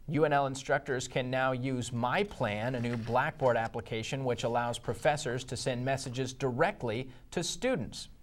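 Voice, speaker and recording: A man with an American accent reading scripted news as an anchor. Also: mid-range voice.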